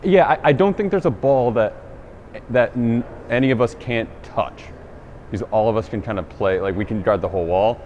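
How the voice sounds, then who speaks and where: A player answering postgame questions, explaining team strategy casually and confidently. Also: male voice, medium pitch, normal speed, darkish tone, highs cut off, a little hiss or hum. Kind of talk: postgame press conference.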